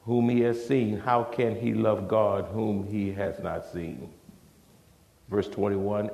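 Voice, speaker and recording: A man's voice: fairly low pitch, gravelly, a little mellow. A man, a pastor, preaching a sermon at a pulpit microphone in a church sanctuary, emphatic and in short phrases. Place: church sanctuary with seating areas. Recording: roomy church echo.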